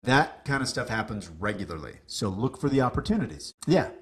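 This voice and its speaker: A man telling stories as a guest on a business podcast, lively, acting out what people said, with some casual swearing. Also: fairly low pitch, brisk. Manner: animated, acts out quoted dialogue, casual swearing. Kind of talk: casual interview storytelling.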